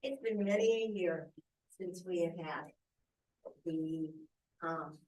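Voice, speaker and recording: A woman speaking as a council member at a public meeting, halting often and searching for her words. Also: on the low side, darkish tone. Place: council chamber. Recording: echoey hall, far from mic.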